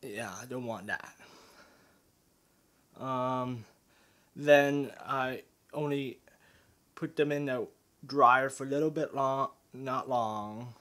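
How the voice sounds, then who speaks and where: A man's voice: mid-range voice, slow pace, long pauses, fairly bright tone. A man vlogging casually to the camera, rambling and hesitant with restarts, somewhat out of breath, recorded on a handheld camera mic. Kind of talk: casual vlog talk to camera.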